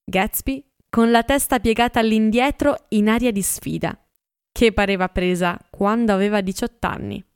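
A woman narrating a literary audiobook in a measured, expressive reading. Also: medium pitch, smooth, dry recording, studio quality.

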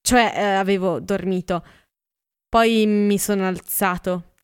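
An awkward, embarrassed young man from an audiobook who stumbles over his words, as a woman reader voices him. He sounds flustered and apologetic, and his voice stays smooth at a middle pitch. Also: steady tone, takes it slowly, lightly acted. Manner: stammering, flustered.

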